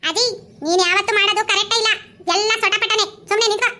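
A woman playing a sly flattering village woman. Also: very high-pitched. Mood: wheedling. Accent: Mandya Kannada. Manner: coaxing, flattering, quick retorts. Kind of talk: village comedy skit acting.

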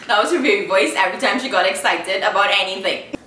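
A young woman, a university student, chatting casually in a teasing, expressive way. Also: mid-range voice, fast. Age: young adult. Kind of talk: casual chat. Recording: roomy, mic at a distance, faint hiss.

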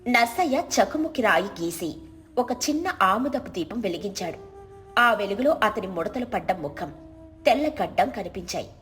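A woman storyteller reading a scripted moral tale in a steady, descriptive way. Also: mid-range voice, normal speed, soft background music.

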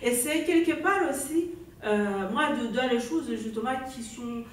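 Rwandan-accented woman author, a touch high, halting speech, recorded from far off in a very reverberant room. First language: Kinyarwanda. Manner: hesitant, often searching for words. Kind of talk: conversation at a book presentation. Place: bookshop event room. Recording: very echoey room, voice far from mic.

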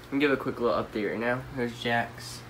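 Filming his home room full of tanks on a handheld phone, a teenage pet channel host with a stuffy nose chatters quickly and casually, leaning on lots of fillers. He has a fairly bright, mid-range voice. The recording is low quality and carries slight background noise.

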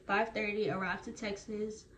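A young woman vlogger casually retelling her experience in a chatty, animated way. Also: medium pitch, normal speed. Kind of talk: casual storytelling. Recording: roomy, distant, faint noise.

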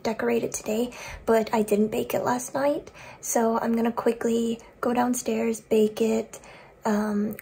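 A woman's voice: on the high side, warm tone, breathy edge. A young adult woman chatting casually to camera in a rambling vlog style, thinking aloud, recorded on a phone at arm's length at home. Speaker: vlogger, small business owner. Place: rooms of a home, bedroom and kitchen.

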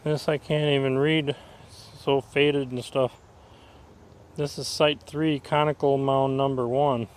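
A man's voice: medium pitch, flat delivery, measured pace. A man from Wisconsin vlogging casually while exploring a wooded preserve outdoors, thinking aloud in a folksy way. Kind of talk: casual walking vlog commentary.

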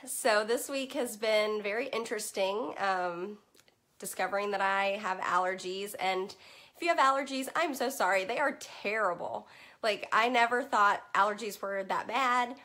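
A young woman from Virginia hosts a casual live chat from a home room lined with full bookshelves, picked up by a webcam at desk distance. She works as a children's book consultant and host, and her medium-pitched, bright, pushed voice moves at normal speed while allergies wear it down. Chatty and upbeat, she says "um" a lot and greets viewers by name.

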